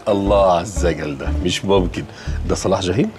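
Man playing a jovial, low-voiced company boss. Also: fast talker, music in the background, natural voice. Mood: amused. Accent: Egyptian Arabic. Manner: playful, teasing banter.

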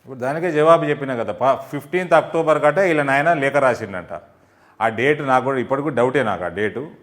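A man's voice: medium pitch, fast talker. A man, a party spokesman answering in a heated political interview, scolding and sarcastic, firing rhetorical questions.

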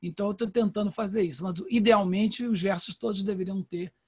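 An older man with a Brazilian Portuguese accent giving a relaxed online poetry lecture, talking conversationally with many "né?" tags and restarts. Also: sits high, a little fast, husky, dry recording. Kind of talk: informal literary lecture.

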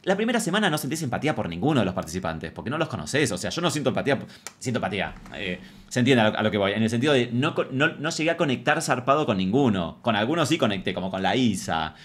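A man's voice: mid-range voice, very animated, fast talker, a bit bright. A man with an Argentine accent giving casual, gossipy reaction commentary on a reality show, sassy and often trailing off into mutters. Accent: Argentine Spanish.

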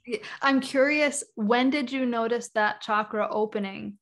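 With a slightly high voice at a measured pace, a woman in her thirties speaks as a guest on a video call from home. She's an author on energy healing, thoughtfully explaining ideas at length via webcam and leaning on "like" and "um."

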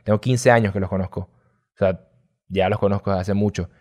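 A young adult man from Venezuela, a guest youtuber with a light Venezuelan accent, chats casually in an interview, relaxed and rambling and dropping slang. His voice is lowish and a little fast.

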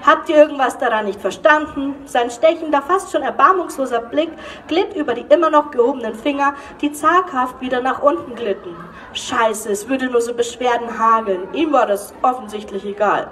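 A woman's voice: sits high, moderate pace, distant mic. A woman author giving a live reading from her romance novel, reading with energy and breaking into laughter. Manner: lively reading with bursts of laughter. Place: event hall.

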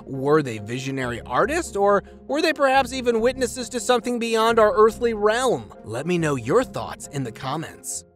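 A man's voice: high voice, sing-song, moderate pace, hardly any pauses, a bit bright. A man giving playful, slangy scripted narration for a countdown video. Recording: music bed under the voice.

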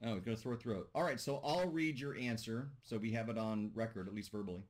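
In a relaxed online class discussion, a man on a video call jokes with students and thinks out loud. His voice sits on the low side and moves a little fast, captured by a computer mic.

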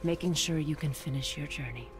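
A woman's voice: sits low, brisk, background noise, natural voice. A woman voicing a solemn, weary game sorceress. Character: guarded, weary woman sorceress guiding travelers. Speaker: game character. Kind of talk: video game cutscene acting. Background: game music.

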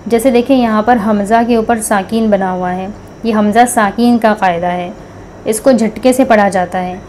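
A woman teaching Quranic pronunciation, patiently repeating each letter sound slowly for practice. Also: medium pitch, darkish tone, slight background noise. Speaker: tajweed teacher. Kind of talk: slow step-by-step recitation lesson.

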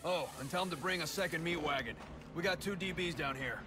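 An actor voicing a brisk, matter-of-fact city police officer in a video game, heard over a police radio. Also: male voice, fairly high pitch, noisy background, lightly acted.

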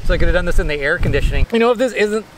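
Joking high-voiced man on a beach. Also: animated, racing, heavy background noise. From American Midwest. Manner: jokey, sarcastic banter. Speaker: vlogger. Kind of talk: casual joking vlog chat. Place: outdoors on a sandy beach. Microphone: camera on a tripod, later handheld at arm's length.

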